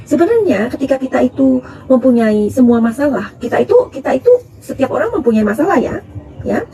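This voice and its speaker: Gravelly-voiced woman tarot reader. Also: sits high, sing-song, a little fast, warm tone, slight background noise. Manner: chatty, calls listeners "sayang", counsel-giving. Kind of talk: tarot reading commentary.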